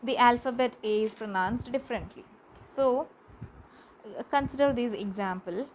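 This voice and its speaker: A woman teaching a class, slowly repeating words for pronunciation practice. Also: fairly high pitch, poor audio. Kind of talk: classroom lesson. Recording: faint background noise.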